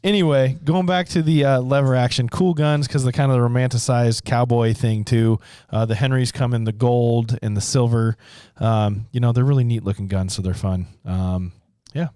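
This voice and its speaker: A man co-hosting a podcast in casual chat, explaining things to listeners in a relaxed, rambling way. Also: medium pitch, moderate pace, few pauses, clear, resonant tone, no room sound, clean studio sound. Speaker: podcast co-host, gun shop staff.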